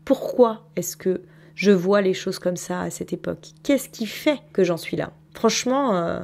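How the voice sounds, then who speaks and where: A novelist in her thirties records a spontaneous audio diary, reflecting and thinking aloud about her writing. Her voice is lowish and darkish with vocal fry, and she speaks unhurriedly.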